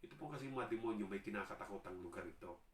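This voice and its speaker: A man with a Filipino accent preaching a sermon, earnest and steady, mixing English into his talk and often checking in with his listeners. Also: on the low side, rapid-fire. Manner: Taglish preaching, earnest, frequent tag questions. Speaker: pastor. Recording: echoey room, voice far from mic.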